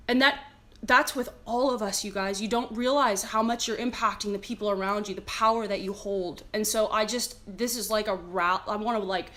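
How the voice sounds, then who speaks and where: A woman's voice: medium pitch, fairly bright tone. A woman with a Californian American accent giving an earnest, emphatic motivational talk to live stream viewers in a conversational way. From California, United States. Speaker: fitness leader and live streamer.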